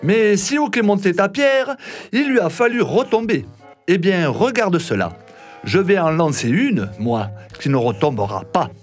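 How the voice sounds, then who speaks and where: A man's voice: sits high, very animated, measured pace, soft background music, pitched above the performer's own voice. A man voicing a small, boastful, cunning tailor in a storybook reading, teasing and cocky.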